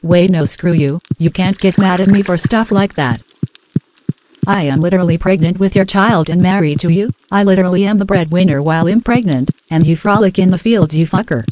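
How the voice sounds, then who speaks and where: A woman's voice: on the low side, a little fast, darkish tone, a little hiss or hum. A young woman giving casual gameplay commentary, playful and swearing freely as she talks to the game's characters. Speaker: gamer.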